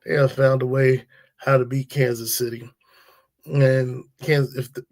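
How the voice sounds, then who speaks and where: A man's voice: medium pitch, a little mellow. A man hosting a casual sports talk stream, blunt and opinionated, using slang and talking straight to his viewers. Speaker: sports talk show host. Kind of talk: casual sports commentary livestream.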